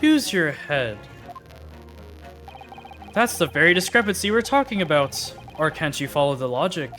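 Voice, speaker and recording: A woman dropping low for a cool young male lawyer. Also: big pitch swings, normal speed, fairly bright tone, faint music behind. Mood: assured. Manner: lowered, assured, coaching. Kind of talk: amateur game voice-over.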